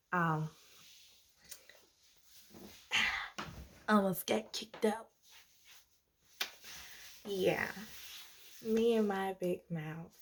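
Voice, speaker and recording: A young adult woman with a medium-pitched voice talks casually to her viewers as a vlogger. She tells a personal story in a chatty, gossipy storytime manner, full of asides and emphatic swings. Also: slight background noise.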